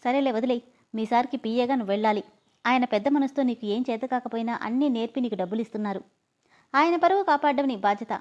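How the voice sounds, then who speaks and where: A woman voicing a gentle, fond older uncle who advises his niece in a soothing, fatherly way. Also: very high voice, quick pace. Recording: dull lo-fi audio.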